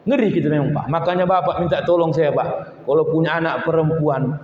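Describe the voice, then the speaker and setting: Humorous male preacher, high voice, long hall reverb. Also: fairly quick. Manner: animated, acts out dialogues in playful voices. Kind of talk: humorous sermon. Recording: echoey hall, slightly muffled.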